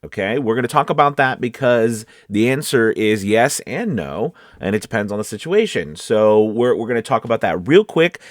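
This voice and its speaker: Animated and speaking at a moderate pace with hardly any pauses, a man with a fairly low voice coaches voice-over in a casual to-camera tutorial, often checking in with his listeners. The home studio sound is close and dry, with no room sound.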